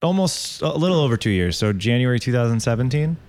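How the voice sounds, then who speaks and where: A man guesting on a comedy podcast, laid-back and agreeable with quick quips. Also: medium pitch, very animated, darkish tone. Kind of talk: casual podcast interview chat.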